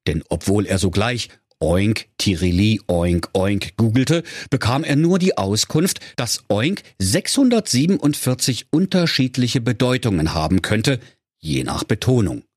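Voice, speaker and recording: A man narrating a comic fairy tale for children in a playful, lively storytelling manner. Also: fairly low pitch, measured pace, husky, no room sound, studio quality.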